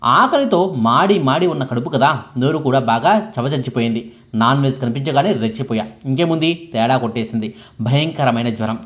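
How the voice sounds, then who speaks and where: A man's voice: mid-range voice, expressive, a little fast, a bit bright. A man narrating a first-person life story as scripted biography narration, acting out the quoted lines dramatically.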